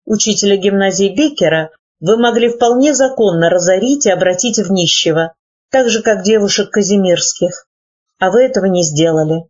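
A woman's voice: mid-range voice, a little mellow, husky, natural voice. A woman reading the lines of an earnest, proud young man, formal in speech, in a dull lo-fi recording. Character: earnest young male nephew, proud and idealistic.

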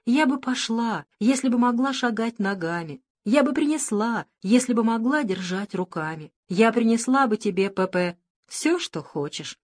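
Woman voicing a gentle talking rag doll. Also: fairly high pitch, lively intonation, normal speed, voice pushed up. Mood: tender. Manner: soft, patient, pleading.

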